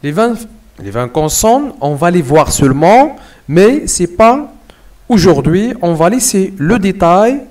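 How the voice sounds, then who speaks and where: Moroccan-accented male teacher, patient and deliberate, sounding out words, pitch rising and falling a lot. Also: very animated, darkish tone. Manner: spells out letters and repeats words slowly, mixing in Moroccan Arabic. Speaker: French teacher. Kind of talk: slow classroom lesson.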